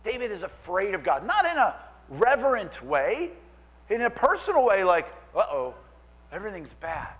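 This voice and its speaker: Animated high-voiced male preacher. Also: normal speed, low-quality recording. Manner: animated, acts out quoted voices. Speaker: pastor. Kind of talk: sermon.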